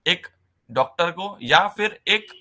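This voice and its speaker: A man teaching a nursing writing-exam lesson in a conversational way, often pausing with a filler and mixing terms into his speech. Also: high voice, expressive, sharp tone. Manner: conversational, repeats "ठीक है" as a filler, mixes English terms into Hindi. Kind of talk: explaining exam basics in a recorded lesson.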